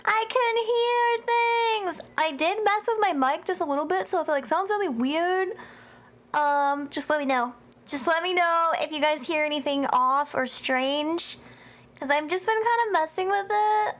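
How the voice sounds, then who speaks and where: High-voiced chatty woman streamer. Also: moderate pace, a bit bright. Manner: chatty, reads and answers chat, giggly. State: headache, tired. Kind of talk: casual live-stream chat.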